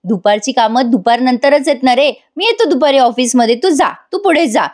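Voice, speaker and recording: A woman putting on an exasperated young man, a lawyer, who protests and complains. His voice is fairly high and his tone annoyed. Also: expressive, moderate pace, a little mellow. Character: irritated young male lawyer.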